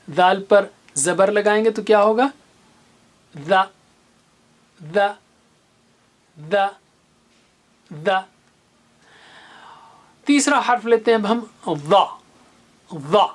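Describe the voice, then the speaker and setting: A patient reading teacher in a recorded lesson. The pace is unhurried, and each Arabic letter sound is spelled out and repeated with care for the learner. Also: medium pitch, lively intonation. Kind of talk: recorded lesson with memory stories.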